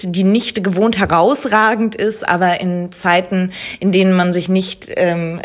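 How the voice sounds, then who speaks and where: Woman host on a low-quality phone line. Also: husky. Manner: chatty, rapid asking with fillers. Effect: low-quality phone-line sound. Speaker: podcast host. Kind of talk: remote podcast interview.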